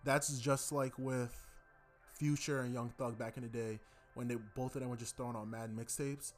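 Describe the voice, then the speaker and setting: A man's voice: mid-range voice, flat delivery, normal speed, soft background music. A young man hosting a podcast, chatting loosely about an album, rambling with lots of fillers. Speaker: podcast host. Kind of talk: casual music review chat.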